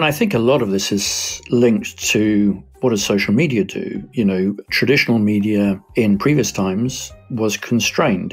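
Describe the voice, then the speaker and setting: Guy with a low husky voice explaining media research, calm and analytical. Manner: measured, analytical, with frequent "you know" asides. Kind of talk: explanatory interview answers.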